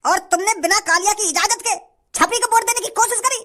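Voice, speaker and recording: A woman doing a high, menacing cartoon village bandit. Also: fast, pushed and bright. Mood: angry. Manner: threatening, bragging. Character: menacing male village bandit, boastful bully. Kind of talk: cartoon voice acting.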